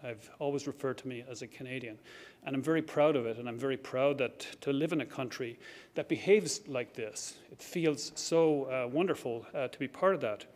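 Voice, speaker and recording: A middle-aged Irishman, accepting an award at a lectern in a banquet hall, gives a heartfelt, earnest and reflective speech, often restarting his sentences. His voice is mid-range and a little mellow, at a moderate pace.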